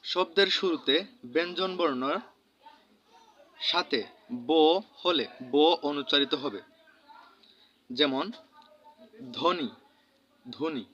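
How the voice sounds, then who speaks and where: A man with a Bangladeshi Bengali accent teaching a grammar lesson, saying each example word slowly and repeating it. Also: fairly high pitch, bright, forceful tone. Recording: dull lo-fi recording.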